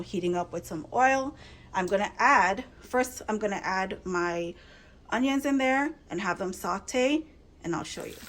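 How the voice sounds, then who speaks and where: A woman's voice: mid-range voice, background noise. A woman with a mid-range voice hosts a casual home cooking video at her stove. She chats easily and reassures the viewer, stopping now and then to check that they are following along. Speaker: cooking channel host. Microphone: camera she set up herself.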